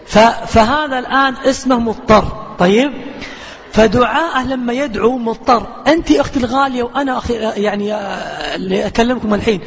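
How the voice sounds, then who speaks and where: A man preaches in a high, quick voice, earnest and emphatic. He tells stories and answers questions from the audience. The sound is dull and lo-fi, echoing around a large lecture hall with a faint hiss underneath. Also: creaky. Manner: earnest, emphatic, storytelling with oaths.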